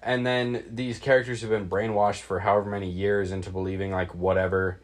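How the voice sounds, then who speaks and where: A man's voice: lowish voice, little pitch movement, brisk. A man co-hosting a casual podcast, complaining in a dry, unimpressed way. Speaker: podcast co-host. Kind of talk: casual chat.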